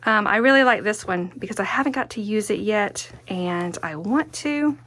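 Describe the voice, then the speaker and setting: A woman's voice: mid-range voice, lively intonation, moderate pace, a bit bright. A woman giving a casual hands-on craft tutorial as the instructor, chatty and musing, often talking to herself as she goes. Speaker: quilting instructor and host.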